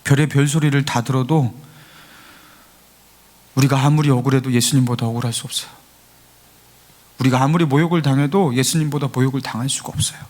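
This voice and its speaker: A man's voice: mid-range voice, fairly even intonation, brisk, pauses often, darkish tone. A man pastor preaching a Sunday sermon, earnest and pleading, acting out the taunts of scoffers and building to fervent emphasis. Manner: acts out mocking voices of scoffers. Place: church sanctuary.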